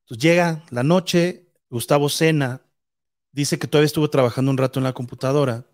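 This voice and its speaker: Mexican male storyteller, higher voice, rambling ghost-story narration. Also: steady tone, fairly quick. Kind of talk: casual spoken ghost story.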